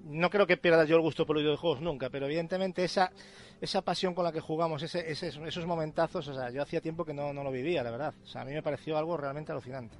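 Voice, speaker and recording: A man's voice: a little high, fairly even intonation. A man hosting a casual gaming podcast, talking eagerly and asking his co-hosts questions. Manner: fast and eager, asks questions. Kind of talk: casual chat.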